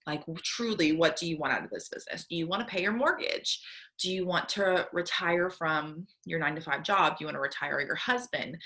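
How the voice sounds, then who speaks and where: A woman's voice: fairly low pitch, bright, forceful tone. A woman in her thirties, a sales team leader, giving an earnest tough-love motivational talk from her computer at home, with frequent "um" and "right?". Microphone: computer webcam.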